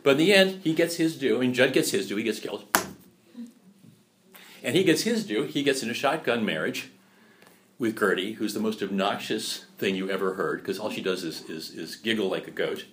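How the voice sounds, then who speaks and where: A man giving a lecture, chatty and animated, often asking rhetorical questions and laughing at his own points. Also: on the low side, slight background noise. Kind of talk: lecture on musical theater history.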